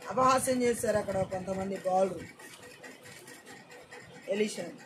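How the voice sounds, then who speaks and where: A preacher delivering a church sermon, repeating phrases and urging the congregation to say amen loudly. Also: mid-range voice, moderate pace, background noise. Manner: repeats lines and calls for loud amens.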